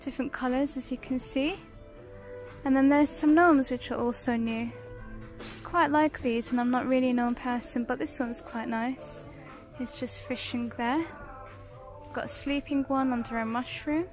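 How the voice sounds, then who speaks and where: A British shopping vlogger narrates a casual shop-with-me video, listing products in short descriptive phrases. Her high-pitched voice has fairly even intonation and a moderate pace, with faint music playing behind her.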